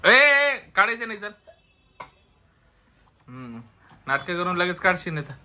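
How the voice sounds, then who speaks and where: A man's voice: high voice, sing-song, a little slow, bright, forceful tone, slight background noise. A man hosting a casual vlog, talking in a teasing, coaxing way. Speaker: vlog host.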